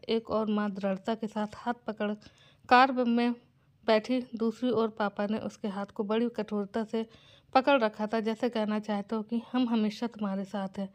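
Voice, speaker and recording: Higher-pitched woman telling a moral story. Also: a little mellow. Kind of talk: emotional scripted narration.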